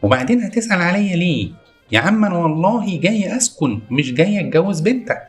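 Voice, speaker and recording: A man's voice: sits high, very animated, quick pace, soft background music. A man with an Egyptian accent acting as an increasingly exasperated apartment seeker in a comedy sketch. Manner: exasperated, indignant client.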